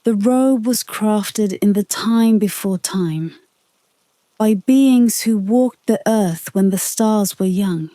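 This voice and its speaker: Woman playing an ancient wise male mentor, grave, unhurried, mellow, storybook tale. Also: mid-range voice, no echo, close to an everyday voice. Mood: solemn.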